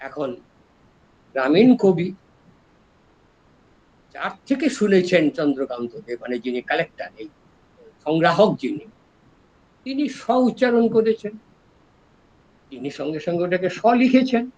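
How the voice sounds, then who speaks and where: Older east bengali professor giving a lecture, slightly high voice, explains slow and patient step by step. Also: male voice, rough recording. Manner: explains slowly and step by step, lively rises and drops in voice. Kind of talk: scholarly lecture on word origins.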